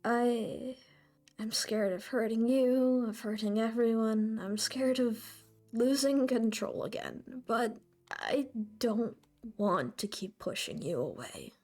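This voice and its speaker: A frightened young man speaks through his tears, stammering and drifting into whispers, as a woman voices him. His voice sits a little high and moves slowly. He sounds weary. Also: darkish tone, soft background music. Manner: halting, stammering, breaking into whispers.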